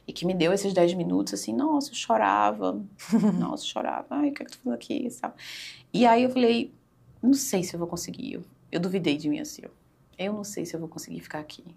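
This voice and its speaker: A woman's voice: mid-range voice, creaky, breathy edge. A woman speaking as a podcast guest, telling an emotional spiritual story in casual conversation, with many fillers.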